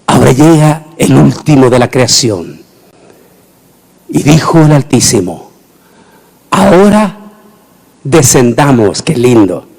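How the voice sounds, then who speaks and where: A middle-aged man, preaching a sermon emphatically and rising into shouted proclamations. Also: medium pitch, vocal fry, breathy edge.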